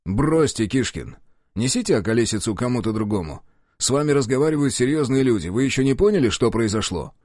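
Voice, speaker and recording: A cold secret police officer issues curt, commanding orders, as a male audiobook reader puts him on. The voice moves lively in pitch and the recording is dry. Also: a little fast, no echo, natural voice. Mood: stern.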